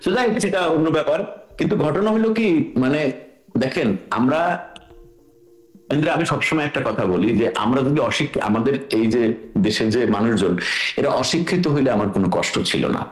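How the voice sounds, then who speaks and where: A man's voice: mid-range voice, animated, normal speed, echoey room. A man on a talk show panel, ranting crudely and with lots of swearing over a video call. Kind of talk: heated online talk show discussion.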